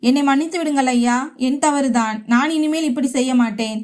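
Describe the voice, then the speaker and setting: A woman's voice: sits high, brisk, a little mellow, lightly acted. A woman voicing a drunk, frightened laborer husband in a storybook reading, pleading and fearful.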